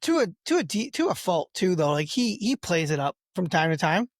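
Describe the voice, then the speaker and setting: A man in his thirties co-hosting a casual talk show about parenting, telling stories with lively acted-out quotes. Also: high voice, a little fast, no room sound, clean studio sound. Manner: animated storyteller who acts out quoted lines. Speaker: podcast co-host, father.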